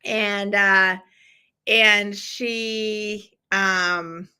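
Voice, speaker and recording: Streaming from her computer, a middle-aged podcast host leads a live challenge, chatting warmly and encouragingly to her audience as she works through comments, full of ums and restarts. Her voice is bright yet slightly tense, middle in pitch, clear and resonant, with a steady tone.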